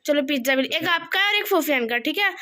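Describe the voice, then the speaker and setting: A woman's voice: high-pitched, lively intonation, brisk, bright, forceful tone. A young woman vlogging casually at home, playful and giggly, talking to her viewers as guys. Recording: echoey room with noise.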